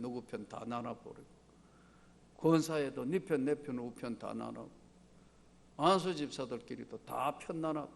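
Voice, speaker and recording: A man's voice: medium pitch, creaky, long reverb tail. An older man with a Gyeongsang accent, preaching a sermon as an emeritus pastor, emphatic and asking the congregation rhetorical questions. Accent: Gyeongsang Korean. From Daegu, Gyeongsang province, South Korea.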